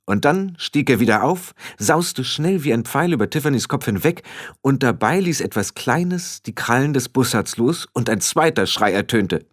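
Lively male storybook narrator. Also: medium pitch, normal speed. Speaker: audiobook narrator. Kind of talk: scripted fantasy narration.

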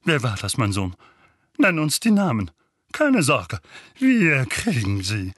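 A man voicing a blustering, bullying middle-aged uncle with a raspy, growling voice in an audiobook. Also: mid-range voice, huge pitch swings, slow, fairly bright tone, no echo, studio quality, exaggerated voice. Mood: threatening.

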